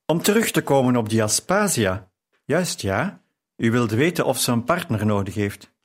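A man's voice: medium pitch, very animated, normal speed. A man voicing a brash, gossipy shopkeeper who chats and flirts forwardly in an audiobook. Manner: chatty, leering.

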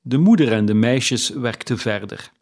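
A man narrating a classic story in a measured, storytelling manner. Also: medium pitch, expressive, darkish tone. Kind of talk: audiobook reading of a classic story.

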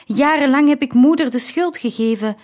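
A woman's voice: sits high, normal speed, voice pushed up, natural voice. Een vrouw die in een luisterboek een bittere, woedende jonge man speelt die zijn vader uitschreeuwt. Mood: furious. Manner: shouting, harsh. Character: young man, bitter, furious, cold.

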